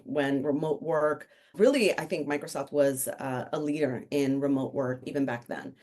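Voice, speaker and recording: A woman's voice: low voice, a little mellow. A middle-aged woman from the Dominican Republic, a guest on a podcast telling her career story in a casual, joking way. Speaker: podcast guest, author and consultant. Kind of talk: casual interview chat.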